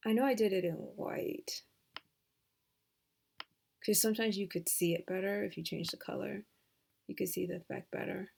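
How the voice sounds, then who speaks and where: A woman walks through a software tutorial in a relaxed, thinking-aloud way, full of hesitant fillers. Her voice sits at a middle pitch with a noticeable vocal fry, and it drops to soft mutters as she works. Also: moderate pace, long pauses, a little hiss or hum. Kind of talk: screen-recorded tutorial.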